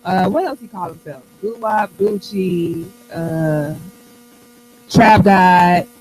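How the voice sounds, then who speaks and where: A man hosting an internet radio show, chatting casually in animated, slangy banter. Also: sits high, takes it slowly, a little hiss or hum, low-quality recording. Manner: animated, slangy, talks over others.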